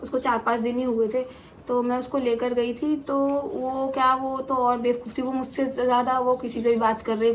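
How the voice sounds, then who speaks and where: A woman's voice: on the high side, slight background noise. A young woman telling a story in casual chat, acting out her own cries and other people's lines. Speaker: vlogger.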